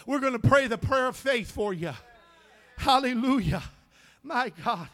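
A male pastor preaching an impassioned sermon, building up to shouted commands and telling a story from his ministry. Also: extremely high pitch, expressive, measured pace.

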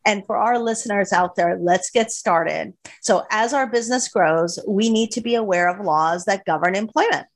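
A woman's voice: mid-range voice, moderate pace, few pauses. A woman hosting an interview podcast, introducing her guests in an upbeat, welcoming way. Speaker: podcast host.

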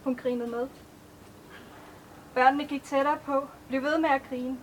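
A woman reading her own poems aloud at a live event, in a slow, measured recital. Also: high voice, steady tone, slight background noise, rough recording. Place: outdoor festival stage.

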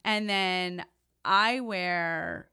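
A woman's voice: fairly low pitch, drawn-out words, bright, forceful tone, smooth. A woman hosting a casual podcast chat, eager and explaining things with plenty of "like" fillers. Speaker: podcast host.

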